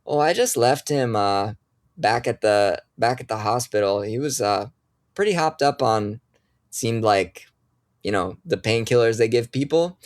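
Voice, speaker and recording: A man's voice: medium pitch, expressive, unhurried, lightly acted. A man voicing a hesitant, unsure male deputy who stumbles over his words in a tabletop game. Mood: casual. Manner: hesitant, full of ums and uhs.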